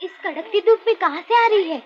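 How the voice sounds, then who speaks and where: A woman's voice: extremely high pitch, brisk. A blunt, chiding working woman. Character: brisk caring fellow labourer woman, blunt. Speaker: neighbour. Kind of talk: 1950s film acting. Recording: dull old film soundtrack with faint noise.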